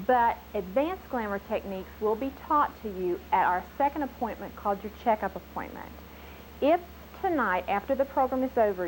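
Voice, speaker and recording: A woman skin care consultant giving an upbeat, chatty sales presentation at a home party, heard from a worn VHS tape copy. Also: poor audio. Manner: upbeat, chatty sales pitch with frequent laughs. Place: living room at a home party. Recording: hissy worn 90s home video tape.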